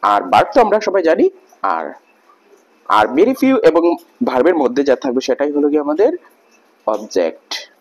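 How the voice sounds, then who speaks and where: A man explains grammar rules step by step, repeating examples so students can follow. His voice has a husky edge, and his pitch rises and falls in a lively way. He keeps a patient, methodical teaching manner throughout. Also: moderate pace, long pauses.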